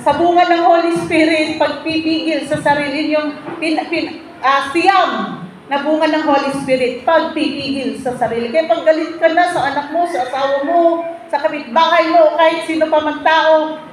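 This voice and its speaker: A woman's voice: high voice, fairly even intonation, normal speed. A woman preaching a sermon to a congregation and often asking them to answer back. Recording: very echoey room, faint background noise.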